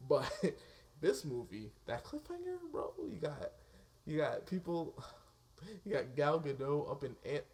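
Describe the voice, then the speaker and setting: A man giving a casual, excitable spoken movie review, swearing freely and laughing often as he talks. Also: fairly high pitch, measured pace, husky. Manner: excitable, profane, laughs often mid-sentence.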